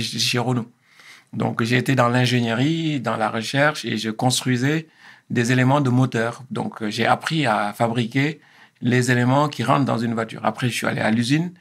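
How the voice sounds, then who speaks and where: A man, speaking as an interview guest in a measured, hesitant way with many pauses and restarts. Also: mid-range voice, creaky, fairly bright tone, slightly rough. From Senegal. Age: 50s. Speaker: interview guest, engineer and consultant. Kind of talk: casual interview.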